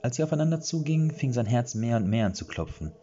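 A man's voice: mid-range voice, animated, fast talker, mellow, muffled recording. A man narrating a fantasy story expressively, acting out the dialogue.

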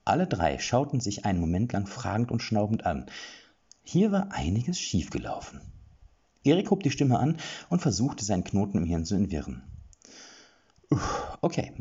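A man narrating a fantasy story in an expressive audiobook style, on slightly muffled audio. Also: on the low side, normal speed, slightly rough.

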